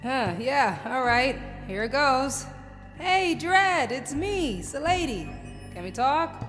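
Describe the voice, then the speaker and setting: A woman's voice: sits high, big pitch swings, takes it slowly, fairly bright tone, exaggerated voice. A woman voicing a brash, scrappy, cheeky plant witch in a video game, blurting her lines informally and expressively. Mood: awkward, coaxing. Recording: music playing behind the voice.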